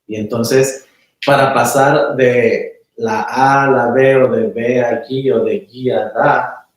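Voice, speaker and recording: A man lectures a small class in a casual, chatty way, stopping now and then to check that they follow. His voice sits at an ordinary pitch. It is picked up from across a very echoey room. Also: slow. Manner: relaxed, conversational, asks the class questions. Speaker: meditation teacher. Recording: very echoey room, mic far off.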